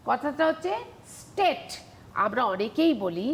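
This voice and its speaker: A woman's voice: fairly high pitch, big pitch swings, unhurried, slight background noise. Patient woman teaching grammar on TV. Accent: Bengali. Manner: repeats questions to students, explains patiently. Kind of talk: televised Bengali grammar lesson.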